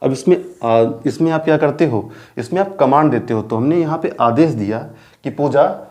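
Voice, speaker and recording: Indian male grammar teacher, mellow voice, poses questions and answers them, drills key terms. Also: mid-range voice. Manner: keeps asking rhetorical questions and answering them himself; repeats key words slowly for emphasis. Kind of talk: classroom grammar lecture.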